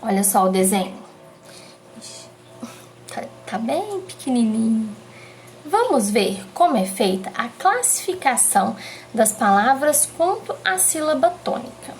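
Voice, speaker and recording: A woman with a Brazilian Portuguese accent walks pupils through a lesson in a high, bouncy voice. She explains patiently and slows down to stress key syllables. A faint hiss of noise sits under her voice. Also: big pitch swings, darkish tone. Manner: slow, emphatic explaining, stretching out key syllables. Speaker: teacher. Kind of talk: remote classroom lesson.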